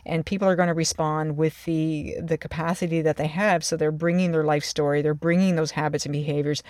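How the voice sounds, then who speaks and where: A clinician from the emergency department gives a steady, unhurried lesson. Phrases often restart and words repeat. The voice sits at a middling pitch and sounds close and dry, with no room echo. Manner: calm, measured, with frequent restarts and repeated words. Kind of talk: instructional talk on calming angry patients.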